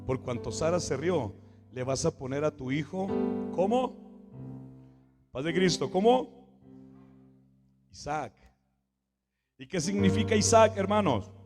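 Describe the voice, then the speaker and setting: A Mexican man preaching a Pentecostal sermon as pastor. He rises to shouts, drops to a hush, and keeps calling out to his brothers and sisters. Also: on the high side, expressive, takes it slowly, long pauses. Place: church hall. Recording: echoey church with guitar playing behind.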